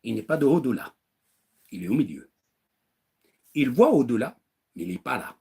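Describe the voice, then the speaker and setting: A man's voice: mid-range voice, very animated, normal speed, creaky, darkish tone, breathy edge. A man preaching to listeners in French, acting out little dialogues, firing rhetorical questions and mocking now and then. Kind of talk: animated religious talk.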